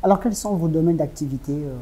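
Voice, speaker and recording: A woman hosting a business web show, asking formal, measured interview questions. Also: low-pitched, mellow.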